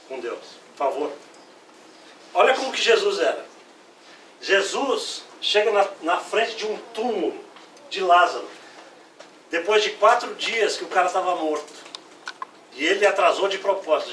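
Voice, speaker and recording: A man preaching with a high, bright voice and a lively delivery, acting out the words of the scripture. He is recorded from a distance in an echoey church hall, and a faint ambience sits behind him. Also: moderate pace, long pauses, a little hiss or hum. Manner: lively preaching, acts out Bible quotes. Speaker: pastor. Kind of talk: sermon. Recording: echoey room, voice from far off.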